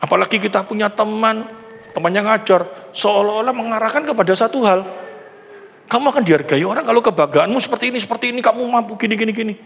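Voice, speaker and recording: A man's voice: high voice, fast talker, vocal fry, fairly bright tone, a little hiss or hum. A middle-aged male pastor with an East Javanese Indonesian accent, preaching a conversational sermon, acting out quoted voices and asking the congregation questions. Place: large church hall. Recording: long church hall reverb.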